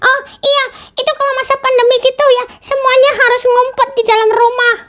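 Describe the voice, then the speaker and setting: A woman voicing a cheeky, excitable child puppet in a children's puppet show, talking in a giggly, boastful, chatty way. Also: very high voice, a little fast, pitched above the performer's own voice.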